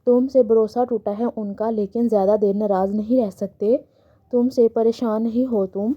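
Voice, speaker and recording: A woman's voice: a little high, steady tone, moderate pace, close to an everyday voice. A woman voicing a loving middle-aged mother who reassures her son with tender, soothing words. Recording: slightly dull lo-fi recording.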